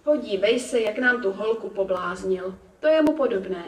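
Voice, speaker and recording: A woman's voice: mid-range voice, animated, reverberant, close to an everyday voice, poor audio. Woman doing a knowing old grandmother. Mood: confiding.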